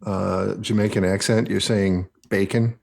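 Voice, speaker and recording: A man's voice: lowish voice, level tone, a little slow, creaky. A man chatting casually on a game stream, rambling and joking. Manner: rambling, jokey, laughs often.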